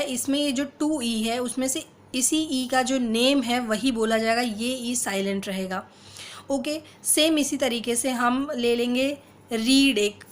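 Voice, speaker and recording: A woman giving a phonics lesson, reading English rules out word by word. She speaks at an unhurried, patient pace in a fairly high voice, switching between Hindi and English. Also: a little hiss or hum. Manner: explains slowly, mixing Hindi and English; reads English rules very slowly and deliberately. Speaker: teacher.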